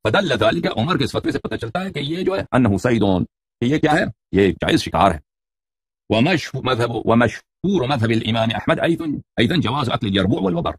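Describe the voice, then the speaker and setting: A man's voice: mid-range voice, sing-song, breathy edge, dry recording. A middle-aged man giving a religious lecture, reading Arabic book titles and explaining them in Urdu, asking his listeners questions, with a mocking edge. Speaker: religious debater.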